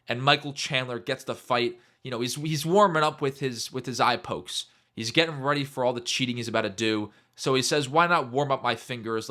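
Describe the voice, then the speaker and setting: A young man giving a casual, mocking breakdown of a fight, animated and fond of repeating his catchphrases. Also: mid-range voice. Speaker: MMA YouTuber.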